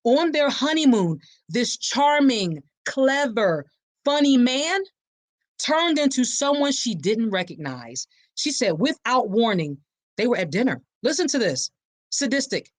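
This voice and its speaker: A woman's voice: fairly high pitch, measured pace, no room sound. Emphatic Philly-accented woman, middle-aged podcast host, very dry close sound. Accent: Philadelphia. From Philadelphia, USA. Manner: animated, talks directly to listeners, emphatic. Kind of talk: book discussion podcast.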